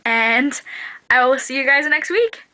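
In a small bedroom, a young woman vlogs to camera with a high, bright, forceful voice that's animated yet a little slow. She teases and plays around casually, and the camera-mic audio is noisy in a home webcam way.

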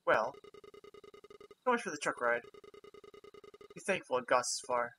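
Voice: mid-range voice, big pitch swings, measured pace, bright, forceful tone, slight background noise. A game reviewer reading game dialogue aloud, switching between the lines of two bickering characters. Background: game music.

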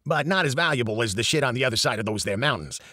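A man's voice: animated, fast, pushed and bright, dry recording, clean studio sound. A man voicing a greedy, sleazy heavyset male gold dealer with a New York accent, pushing a hard bargain. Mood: wheeling-dealing. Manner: pushy sales-pitch bargaining.

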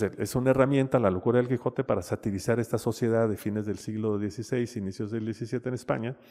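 Lowish and mellow, this man's voice carries a Mexican Spanish accent as he lectures conversationally with slides on literature and mental health, a panelist in a university campus lecture room. He keeps dropping in "este" and tagging on "¿no?", and the hall sound is reverberant.

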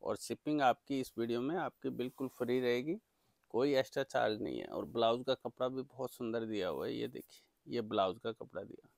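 A man presenting products for sale in an eager, repetitive teleshopping-style pitch. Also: fairly quick, creaky, a little mellow, no echo. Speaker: saree seller presenting products. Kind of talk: product sales demonstration.

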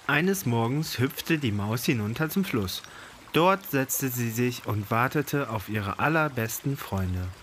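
A man reading a picture book aloud to children in a slow, gentle and expressive way. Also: medium pitch, a little hiss or hum.

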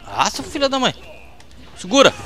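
Excitable Brazilian man trash-talking a fighting game. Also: very high-pitched, normal speed. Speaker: gameplay host. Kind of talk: let's-play commentary.

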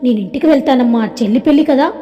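A man's voice: very high-pitched, fast talker, dark tone, lo-fi sound. A woman voicing a short-tempered young man who scolds curtly, heard with a long echoing reverb. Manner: curt, scolding.

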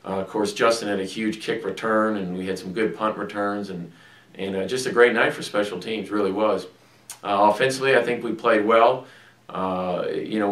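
Middle-aged man, low voice, echoey room. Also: fairly bright tone. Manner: plainspoken, with frequent restarts and "uh" fillers. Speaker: head football coach. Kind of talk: postgame remarks to camera. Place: small indoor room before a team logo backdrop. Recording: roomy echo, mic at a distance.

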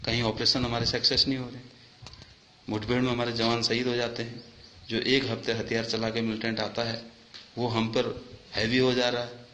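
A man's voice: fairly low pitch, bright, forceful tone, a little hiss or hum. Indignant man in an echoey room. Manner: indignant, accusing, rising in anger. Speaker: soldier airing complaints. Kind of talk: impassioned video complaint.

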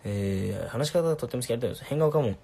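A young man casually answering viewer questions on a livestream, laid-back and soft-spoken. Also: medium pitch, animated, very fast, creaky, husky.

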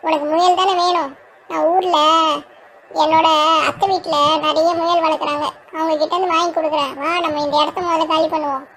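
A storyteller voicing cartoon village friends in a very high sped-up voice, trading lively banter.

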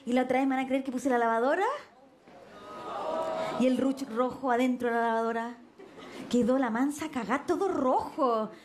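A young Chilean woman doing a stand-up comedy set on stage, brash and slangy, swinging her pitch for quoted voices. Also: fairly even intonation, normal speed, long pauses. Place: stage before a live audience. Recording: noisy live TV stage with crowd. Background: crowd laughter.

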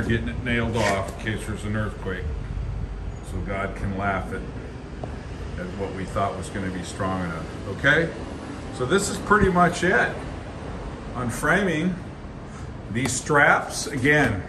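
A man's voice: on the low side, noisy background. A man giving a casual walkthrough of an unfinished framed building, talking straight to his viewers in a folksy, repetitive way while filming on a phone. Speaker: construction walkthrough guide. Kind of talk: casual filmed site walkthrough.

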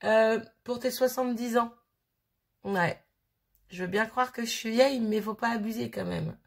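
Woman in her 30s, rambly unboxing chat, bit of a stuffy nose, gravelly and husky. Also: fairly high pitch, moderate pace. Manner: chatty, rambling, giggly, sniffles now and then. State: sniffly. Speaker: crafting vlogger.

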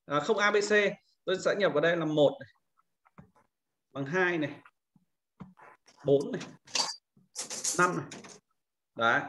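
High, bright-voiced man walking through steps. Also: unhurried, pauses often, a little hiss or hum. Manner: patient step-by-step explaining. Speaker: teacher trainer. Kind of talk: screen-recorded software tutorial.

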